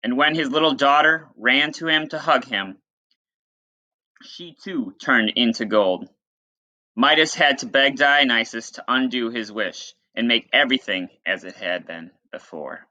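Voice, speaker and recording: In a dull, lo-fi recording, a man reads a story like a teacher, adding casual instructive remarks to his audience along the way. He speaks a little slowly at medium pitch, with a bright, forceful tone.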